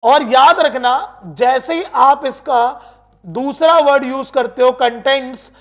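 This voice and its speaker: A man teaching an exam-prep English grammar lesson, who asks the class questions and then answers them himself and reads English sentences out slowly with an Indian accent. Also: very high voice, fairly bright tone.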